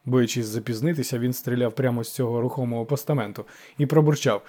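A man narrating an audiobook in a lively storytelling manner. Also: medium pitch, quick pace.

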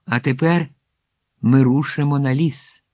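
A man's voice: mid-range voice, fairly even intonation, unhurried, darkish tone, dry recording, lightly acted. A man voicing a cold, cruel male cave warlord who speaks spitefully and commandingly in a storybook reading. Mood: cold menace.

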